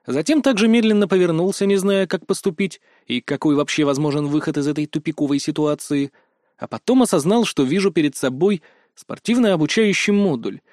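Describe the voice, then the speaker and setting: A male narrator reads a first-person adventure in a tense, expressive way. His voice sits slightly high. The recording is close and dry. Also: fairly quick, dry recording. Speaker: audiobook narrator.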